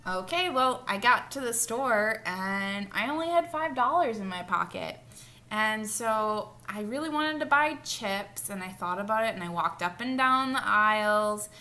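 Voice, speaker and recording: A woman's voice: mid-range voice, lively intonation, measured pace, sharp tone. A woman co-leading a mentor training, talking through slides in a plain, friendly way. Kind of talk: casual training talk.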